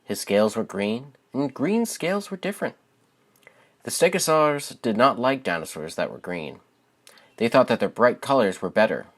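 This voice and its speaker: A young channel host who writes children's books casually introduces himself to viewers before reading his own writing aloud. His mid-range voice is sing-song and fairly bright, at a normal speed.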